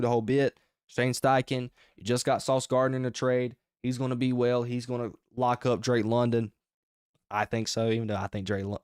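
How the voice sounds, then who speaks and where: A man hosting his own sports podcast, talking through his game picks in a casual, energetic, rambling way with emphatic outbursts. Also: medium pitch, clear, resonant tone, no room sound, studio quality. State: short of breath.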